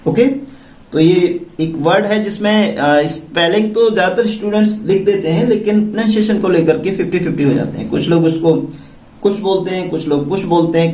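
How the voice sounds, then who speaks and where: A man's voice: high-pitched, darkish tone. A man with an Indian accent teaching English vocabulary, spelling words out letter by letter and asking the class questions. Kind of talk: classroom-style vocabulary lesson. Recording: echoey room, mic at a distance.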